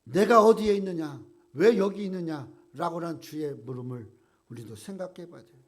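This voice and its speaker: A man preaching a sermon as pastor, emphatic, raising his voice when he quotes God's questions and dropping low and quiet at the ends of phrases. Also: normal speed.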